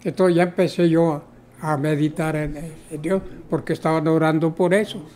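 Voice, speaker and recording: A man's voice: fairly high pitch, fairly even intonation, moderate pace, a little mellow. Older man telling a hesitant testimony. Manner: storytelling, hesitant with repeated fillers. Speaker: interview guest, former co-pastor. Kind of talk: personal testimony.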